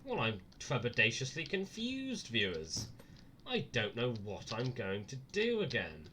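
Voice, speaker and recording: A man's voice: mid-range voice, wildly swooping pitch, unhurried, bright, forceful tone, slight background noise. A scared, nervous man giving live horror game commentary with dry sarcasm and frequent swearing.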